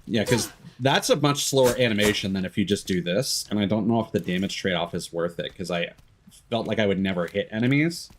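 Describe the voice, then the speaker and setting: Brisk and lowish-voiced, this man streams a game and chats casually with viewers. His running commentary is frank and profane, full of self-mockery as he reasons aloud.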